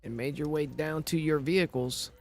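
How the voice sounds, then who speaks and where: A slightly high, slightly mellow male voice at normal speed keeps a steady tone, with faint music behind it. Scratchy from recovering illness, he narrates a casual game tutorial, walking through every step plainly and instructionally.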